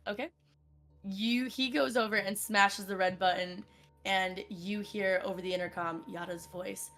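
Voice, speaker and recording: Gravelly woman game master. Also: mid-range voice, steady tone, measured pace, fairly bright tone, soft background music. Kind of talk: narrating a tabletop game.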